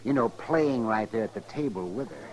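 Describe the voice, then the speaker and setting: A man playing an impatient, crotchety frontier doctor in a radio western, querulous and excitable, with an American accent. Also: lowish voice, normal speed, natural voice, low-quality recording. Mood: speculating. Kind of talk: old-time radio western acting. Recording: old radio recording with music.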